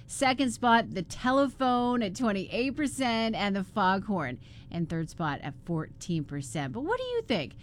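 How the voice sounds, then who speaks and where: A woman's voice: medium pitch, sing-song, unhurried, slight background noise. A woman presenting a morning radio show in a casual, chatty style. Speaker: radio host.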